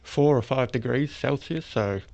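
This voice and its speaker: In an unhurried, creaky mid-range voice, a toothless Australian podcast host rambles casually through his explanations. He talks through a face mask, so his speech comes out soft-edged, and the recording is dull and lo-fi.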